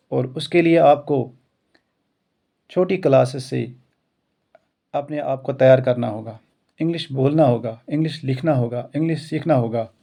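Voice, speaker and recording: A man's voice: medium pitch, creaky, mellow. A male Indian schoolteacher who learned English on his own gives an earnest, motivational talk to students and teachers. He stacks up repeated rhetorical lines. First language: not English; self-taught English. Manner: earnest, repetitive rhetorical build-ups.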